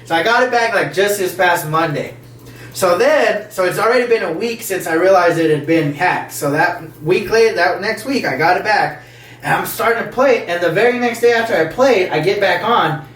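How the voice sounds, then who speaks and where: A man's voice: high voice, normal speed, a bit bright. A man hosting a podcast, telling a rambling, profane story in casual chat, recorded at home. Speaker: podcast host. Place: room in a house. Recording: echoey room, mic at a distance, faint noise.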